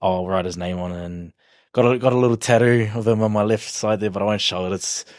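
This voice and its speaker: A man's voice: fairly low pitch, fairly even intonation, fast, a little mellow, no echo, studio quality. A man in his twenties with a broad New Zealand accent, chatting casually in an interview in a laid-back, slangy, hesitant way. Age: 20s. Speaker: rugby league player, podcast guest.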